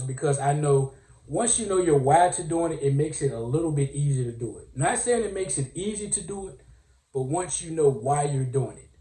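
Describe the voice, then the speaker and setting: A man's voice: medium pitch, mellow. A man hosting a podcast, talking in a casual, rambling monologue with lots of fillers. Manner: rambling, self-aware, filler-heavy. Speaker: podcast host. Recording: roomy, distant from mic.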